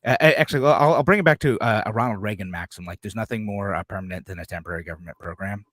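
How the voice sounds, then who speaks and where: A man's voice: fairly low pitch, racing, fairly bright tone, no echo. A man co-hosting a podcast, talking politics casually with many fillers and restarts, and acting out quotes now and then. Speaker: podcast co-host.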